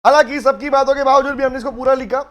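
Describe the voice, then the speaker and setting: A man's voice: very high voice, steady tone, very fast, fairly bright tone. A man teaching company law in a live online class, chatty and teasing with his students.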